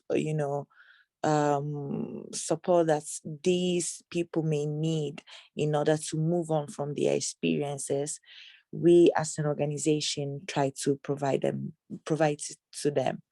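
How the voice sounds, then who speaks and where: A woman from Ghana who works in anti-trafficking outreach, answering interview questions in a measured, hesitant way with many fillers, on a video call. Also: sits low, dark tone, no room sound.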